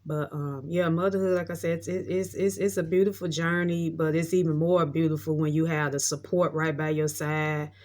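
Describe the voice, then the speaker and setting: A woman's voice: low voice, little pitch movement, normal speed, hardly any pauses, darkish tone. A woman in her late thirties telling a rambling, heartfelt story in a casual monologue, often repeating herself. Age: 30s. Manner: heartfelt, reflective. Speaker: vlogger.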